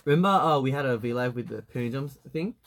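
A very fast-talking, excitable man who hosts a casual chat and flips back and forth between Korean and English. His pitch swings widely as he reacts. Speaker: radio host.

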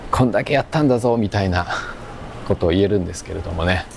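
An amateur podcast host records a casual solo monologue while strolling through a park-like outdoor area, keeping his low, gravelly voice hushed in the quiet public setting. He talks at a racing pace. The recording is noisy, with ambient hum.

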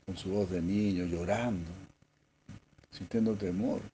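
A man, a spiritual teacher preaching a sermon, moving from soft asides to emphatic stressed words and clearing his throat often. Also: low voice, fairly even intonation, measured pace, slight background noise.

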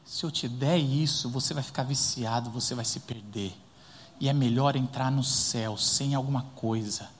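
A Brazilian pastor voicing God as a patient, fatherly figure who refuses gently and speaks slowly, softly and low. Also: big-room sound, slight background noise, close to an everyday voice. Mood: gently warning. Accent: Brazilian Portuguese. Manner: slow, soft and low, calmly refusing.

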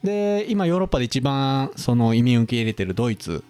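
A man of middle pitch talks through economics in a casual, explanatory way. His voice swings lively up and down as he quizzes his co-host. Soft music plays faintly underneath. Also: brisk, clear, resonant tone.

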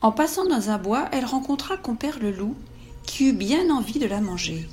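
A woman's voice: on the high side, animated, moderate pace, a little mellow, slight background noise. Woman reading a fairy tale aloud. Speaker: storyteller.

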